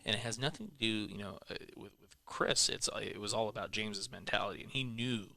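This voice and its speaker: Lowish-voiced guy calling a pool match, chatty, laughs a lot. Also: fast, vocal fry, bright, forceful tone. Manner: chatty, laughs often, talks in bursts. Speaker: pool commentator. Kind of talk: casual sports commentary.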